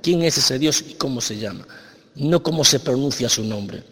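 A man's voice: medium pitch, moderate pace, a bit bright, slightly rough, in a large hall. A man with a Spain Spanish accent, arguing insistently and repeating his points in a heated religious debate. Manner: argumentative, insistent, repeats himself. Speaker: debate participant.

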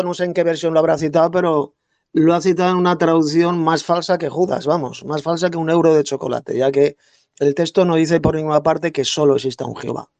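A man's voice: fairly high pitch, darkish tone, no echo. A man arguing scornfully in a heated religious debate, lecturing his opponent. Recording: dull lo-fi dry recording.

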